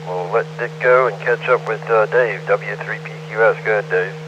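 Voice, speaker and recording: Low-voiced guy running a ham radio net, muffled radio sound, lots of static, easygoing, thanks everyone. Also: moderate pace. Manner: relaxed, thankful, hands the floor to each station. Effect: ham radio transmission with static. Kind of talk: on-air radio net chat.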